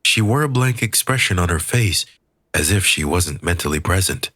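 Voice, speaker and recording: A man reading an audiobook in a measured, expressive storytelling manner. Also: sits low, no echo, clean studio sound. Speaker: audiobook reader. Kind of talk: scripted audiobook narration.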